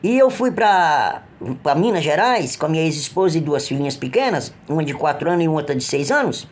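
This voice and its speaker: A middle-aged man with a Brazilian Portuguese accent giving an emotional personal religious testimony, halting and earnest, with frequent restarts. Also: a little high, animated. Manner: halting, with repeated restarts and trailing phrases; earnest, pleading when retelling cries for help.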